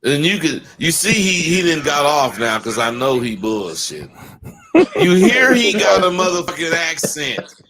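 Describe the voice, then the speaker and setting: A man's voice: on the high side, very animated, a little slow, a crowd in the background. A man hosting a call-in show, blunt and profane, cutting the caller off.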